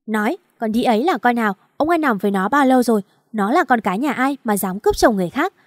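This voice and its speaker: Giọng nữ đọc bà già chua ngoa gào thét. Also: female voice, lively intonation, fast, no room sound, clean studio sound, lightly acted. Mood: accusing. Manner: shrill, wailing accusations. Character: bitter older woman, shrewish and hysterical.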